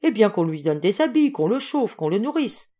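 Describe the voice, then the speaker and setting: A woman reading aloud as a gruff, hot-tempered old general, blustering and exclaiming. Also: sits high, big pitch swings, normal speed, dark tone, voice pushed up. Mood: grumbling.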